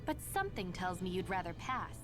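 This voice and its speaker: Playful young female rebel, game dub, animated intonation, loud music behind. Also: on the low side, a little fast. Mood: cheerful, teasing. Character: upbeat, teasing young rebel woman. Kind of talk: English video game dub.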